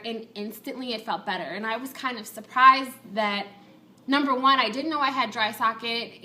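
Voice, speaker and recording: A woman's voice: fairly high pitch, pushed and bright, a little hiss or hum. A woman vlogger giving a casual, chatty and candid personal update to her viewers.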